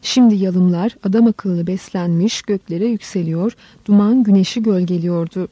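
Dark-voiced woman reading a story. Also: mid-range voice, moderate pace, breathy edge, dry recording. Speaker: audiobook narrator. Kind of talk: scripted story narration.

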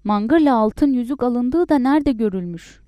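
Furious peasant wife, woman reading, shrill scolding, raised pitch, storybook reading, dry close sound. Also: animated, moderate pace, no room sound, lo-fi sound, lightly acted. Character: furious poor peasant wife, sharp-tongued.

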